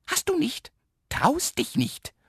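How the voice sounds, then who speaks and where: A man's voice: sits high, wildly swooping pitch, moderate pace, husky, no room sound, studio quality, pitched above the performer's own voice, heavily acted. A man voicing a tiny, mischievous, boastful imp with a round belly in a children's radio story, cheeky and bragging. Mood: taunting.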